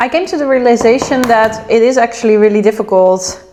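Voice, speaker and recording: A woman's voice: a little high, a little fast, darkish tone, a little hiss or hum. Chatty Dutch-accented woman vlogging. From Netherlands. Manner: chatty, rambling, self-aware. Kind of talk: casual vlog chat while cooking. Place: home kitchen.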